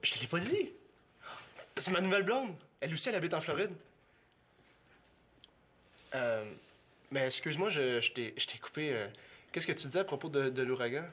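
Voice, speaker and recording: A man's voice: on the high side, very animated, normal speed, long pauses, noisy background. An actor with a Quebec French accent playing an awkward, chatty young man who stumbles and restarts as he talks. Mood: flustered. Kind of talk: TV series acting.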